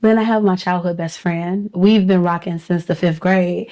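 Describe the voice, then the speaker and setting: A woman talking with friends in a casual, chatty roundtable, often laughing and quickly agreeing. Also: on the low side, fairly even intonation, warm tone, dull audio. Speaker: podcast guest.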